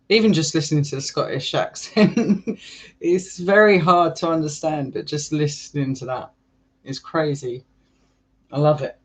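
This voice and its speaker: Chatty English man, slightly high voice. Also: rough recording. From England. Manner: chatty, rambling, laughs often. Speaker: urban exploring vlogger. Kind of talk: casual live chat with viewers.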